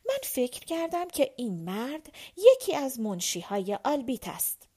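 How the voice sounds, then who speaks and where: A woman narrating an audiobook in a measured, even storytelling manner. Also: high voice, slightly rough. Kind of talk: scripted narration.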